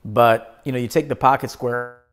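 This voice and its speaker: A man in his thirties speaks at normal speed in a steady, mid-range voice while hosting a live stream from a small indoor studio. He reads out viewer comments and answers them casually, relaxed as he calls out viewers by name.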